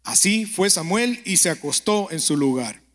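A man preaching a conversational sermon and prayer, telling stories, speaking straight to the listener and often checking in with a quick question. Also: sits high, expressive, a bit bright. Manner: keeps asking the listener "¿verdad?".

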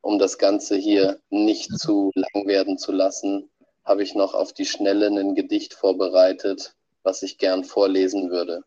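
A man with a cold and a nasal voice, heard as a low-quality audio file played back on a podcast, delivering a prepared message. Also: darkish tone. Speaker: podcast regular sending a birthday message. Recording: dull lo-fi playback.

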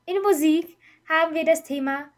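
A woman co-hosting a podcast in casual chat, talking in an animated, rambling way and laughing often. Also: very high voice, normal speed. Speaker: podcast co-host.

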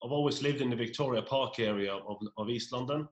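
A man in his forties from Norway, speaking English as a second language after Norwegian, with a mid-pitched voice. He talks in a halting way, repeating words as he finds his phrasing in a relaxed interview. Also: rough recording. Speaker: pub owner guest. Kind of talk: casual interview.

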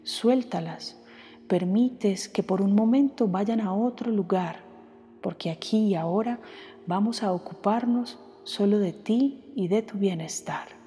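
In a soft, mellow, mid-range voice, a woman leads a meditation, speaking very slowly and gently with long pauses between phrases. She sounds like a meditation guide or podcast host. Long reverb trails her words, and background music plays beneath.

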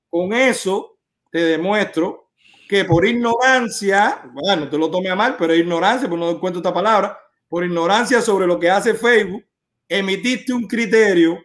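A man hosting a live stream, arguing insistently and lecturing a caller point by point. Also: high-pitched.

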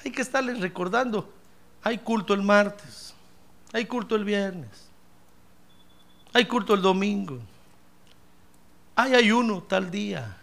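A man's voice: high voice, lively intonation, takes it slowly, vocal fry, long pauses, fairly bright tone. A man preaching a sermon as pastor, telling humorous stories and acting out his congregants' voices.

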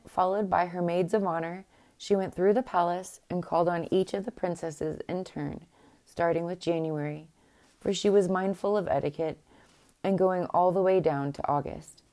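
Low, mellow woman reading a fairy tale. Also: fairly even intonation, normal speed. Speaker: narrator. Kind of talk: scripted narration of a fairy tale.

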